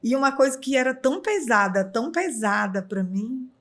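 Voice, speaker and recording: A woman's voice: sits high, lively intonation, normal speed. Earnest Brazilian woman telling her story. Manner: earnest, many fillers like "né". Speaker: guest. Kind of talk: emotional personal storytelling.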